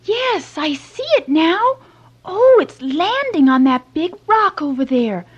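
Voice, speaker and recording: A woman voicing a gentle, curious young girl in a storybook reading. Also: very high voice, big pitch swings, slow, dull audio, pitched above the performer's own voice, exaggerated voice.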